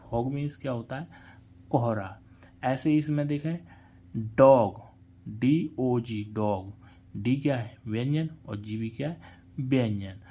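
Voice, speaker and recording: A man teaching an English phonics lesson, spelling out letters slowly and asking and answering his own questions. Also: mid-range voice, mellow.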